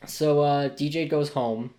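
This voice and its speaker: A man's voice: fairly high pitch, steady tone, unhurried, mellow. A young man co-hosting a casual podcast, recapping episodes in a laid-back way with dry quips. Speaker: podcast co-host. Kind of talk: casual chat.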